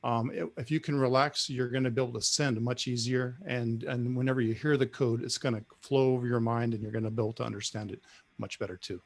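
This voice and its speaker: Brief: male club instructor, mid-pitched, halting, lots of ums. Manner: relaxed, hesitant with many fillers. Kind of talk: presentation talk.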